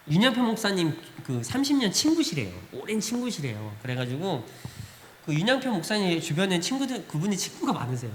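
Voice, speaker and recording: Male pastor, sunday sermon, high voice, lively swooping delivery, echoey church hall. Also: a little hiss or hum. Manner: animated storytelling with laughter and sudden loud emphasis. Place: church sanctuary.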